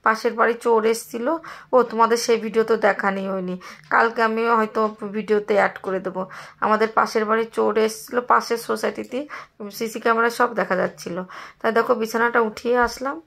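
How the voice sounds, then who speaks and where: A hoarse middle-aged woman from Bengal, chatting to her viewers in a rambling, complaining way while she does housework. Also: fairly high pitch, level tone, fast talker, a bit bright. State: hoarse from a cold. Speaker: vlogger. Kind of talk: casual chat to viewers while doing chores.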